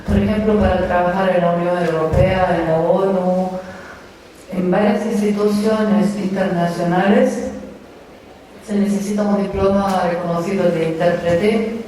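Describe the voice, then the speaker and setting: A woman's voice: fairly low pitch, steady tone, a little slow, dark tone. A woman whose first language is Romanian, a conference interpreter speaking as guest at a university talk, explaining at length with restarts and tag questions. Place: university lecture hall. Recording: very echoey hall, distant, faint noise.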